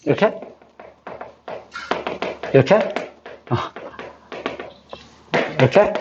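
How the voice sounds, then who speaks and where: A man's voice: sits high, animated, very slow. A man teaching a math lesson, who repeats key phrases for memorizing and checks in with his students again and again. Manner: checks in with listeners, often tacking on a questioning "eo?". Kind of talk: classroom lecture on combinatorics. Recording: slightly dull, faintly noisy lecture recording.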